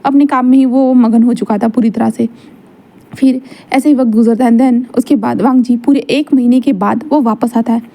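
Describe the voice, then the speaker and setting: A woman's voice: on the high side, dark tone. A woman casually retelling a fan-fiction story in a chatty way, with frequent "and then" links.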